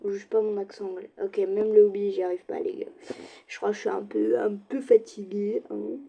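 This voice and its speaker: A young woman chatting casually to her viewers while playing an online game, with quiet murmured asides. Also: mid-range voice, flat delivery, normal speed, gravelly, breathy edge. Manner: chatty, addresses viewers directly, slips into soft asides. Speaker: gaming streamer. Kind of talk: casual let's-play commentary.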